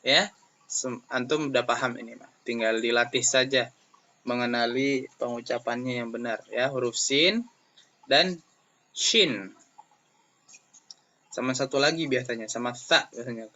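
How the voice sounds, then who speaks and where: A man's voice: mid-range voice, sharp tone. A male Arabic teacher with an Indonesian accent, giving a lesson for young pupils and stretching out words in pronunciation drills. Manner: drawn-out, emphatic pronunciation drills. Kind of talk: classroom lesson video. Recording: dull lo-fi sound.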